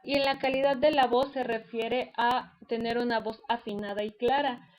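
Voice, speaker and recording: A woman's voice: on the high side, steady tone, normal speed, poor audio. A woman teacher, giving an online class lecture in a patient, explanatory way with frequent fillers.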